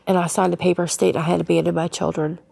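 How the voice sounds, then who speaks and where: Woman, gravelly and a bit low, candid testimony with lots of fillers and restarts. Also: flat delivery, fast talker, dark tone. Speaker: interviewee sharing her life story. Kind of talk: personal testimony.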